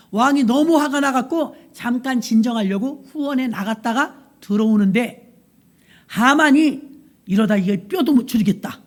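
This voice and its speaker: A woman pastor retells a scripture story from the pulpit with a high voice. She is animated and playful, dramatizes the scenes and keeps asking her congregation questions. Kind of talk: sermon storytelling.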